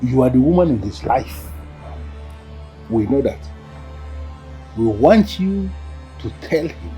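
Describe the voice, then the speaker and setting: An actor with a Nigerian accent playing a solemn village elder who lectures and insists. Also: male voice, medium pitch, big pitch swings, takes it slowly, warm tone, faint music behind. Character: solemn older male elder of the council.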